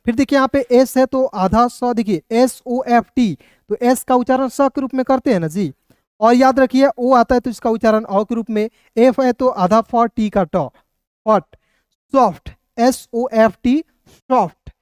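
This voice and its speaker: Patient, smooth-voiced male teacher. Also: extremely high pitch, measured pace, a little mellow, no echo, clean studio sound. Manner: patient, repeats questions and answers to viewers. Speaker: English teacher. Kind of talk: online phonics lesson.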